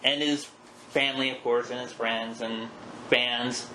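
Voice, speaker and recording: A middle-aged podcast host chats casually and reminisces about wrestling in a folksy, wry, self-deprecating way. His mid-range voice is bright and forceful, with fairly even intonation and a measured pace, and the recording has a roomy echo plus background noise.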